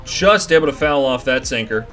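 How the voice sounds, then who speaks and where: A young man giving play-by-play commentary over a baseball video game, getting excited on big plays. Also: mid-range voice, moderate pace. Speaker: gaming commentator. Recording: faint music behind.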